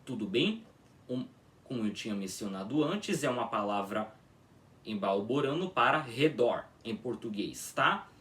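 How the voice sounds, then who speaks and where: Slow, patient man teaching pronunciation. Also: mid-range voice, expressive, a bit bright, recorded from a distance. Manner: drawn-out patient demonstrations, frequent "tá?" checks. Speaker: language teacher.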